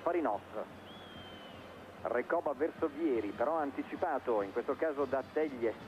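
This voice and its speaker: A man's voice: medium pitch, normal speed. A man giving live play-by-play football commentary for television. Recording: dull lo-fi broadcast, noisy stadium ambience. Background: stadium crowd noise.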